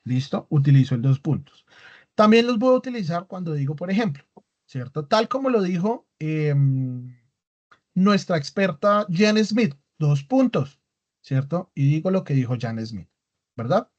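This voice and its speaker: A man with a fairly high, sing-song, darkish voice unhurriedly teaches an online writing class, explaining step by step. He checks in with his students through constant tag questions, and the recorded lecture has a dull, lo-fi sound.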